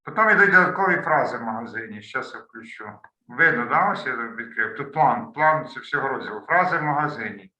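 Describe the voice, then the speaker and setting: A man's voice: mid-range voice, lively intonation, fairly quick, sharp tone, echoey room, poor audio. A man teaching a beginners' language lesson over a video call, explaining his materials and thinking aloud as he clicks through slides. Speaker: language tutor. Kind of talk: online lesson walkthrough.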